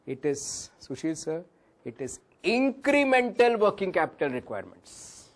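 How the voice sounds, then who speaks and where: A man with an Indian English accent teaching a valuation workshop, whose voice cracks at times; he calls the listeners sir and drops into Hindi phrases. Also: high voice. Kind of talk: classroom lecture with audience questions.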